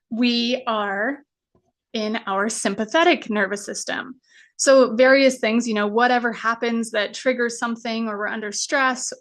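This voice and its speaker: A woman business coach teaching a live online masterclass in a casual, chatty way, full of fillers and the odd swear word. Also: fairly high pitch. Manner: acts out anxious inner voices.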